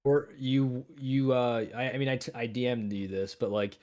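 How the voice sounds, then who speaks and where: A man's voice: mid-range voice, normal speed, darkish tone. A man co-hosting a casual livestream review, rambling and heavy on filler words. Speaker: co-host.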